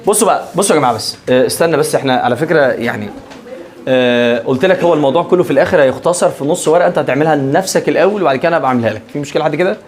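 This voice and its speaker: A man's voice: fairly high pitch, rapid-fire. A man with an Egyptian accent teaching a class, joking with students and often checking they keep up. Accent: Egyptian Arabic. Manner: lively, joking, keeps checking if students follow. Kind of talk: classroom lecture.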